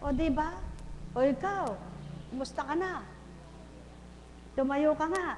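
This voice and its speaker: A woman's voice: high voice, takes it slowly, a little mellow, long reverb tail, a little hiss or hum. A woman faith healer at a live healing session, teasing and questioning a patient with short, repeated questions.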